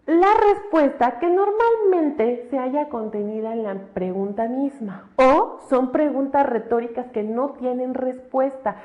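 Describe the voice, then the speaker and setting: A woman gives a recorded lesson in a high voice. She explains patiently and keeps checking in with tag questions. The recording sounds dull and lo-fi. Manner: explains with frequent tag questions, animated examples. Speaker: teacher. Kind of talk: recorded online lecture.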